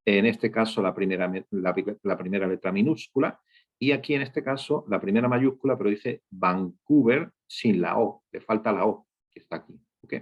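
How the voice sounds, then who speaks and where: Man, coding tutorial, explanatory with constant check-ins, husky gravelly voice, dull lo-fi recording. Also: lowish voice, moderate pace. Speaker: data instructor. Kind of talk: screen-share coding tutorial. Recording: dull lo-fi sound.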